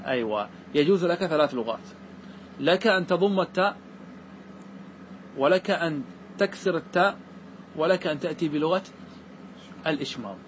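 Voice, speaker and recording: A man's voice: fairly high pitch, lively intonation, a little hiss or hum. Man teaching grammar, checking understanding often. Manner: checks understanding with repeated questions to students; recites verse lines slowly and deliberately. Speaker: teacher explaining Arabic grammar verses. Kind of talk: classroom lesson.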